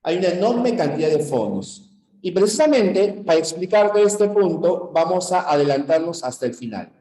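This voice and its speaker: A man from Peru teaching a university-prep lecture, explaining step by step and checking in with the class through quick questions. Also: sits high, very animated, dark tone. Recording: echoey room.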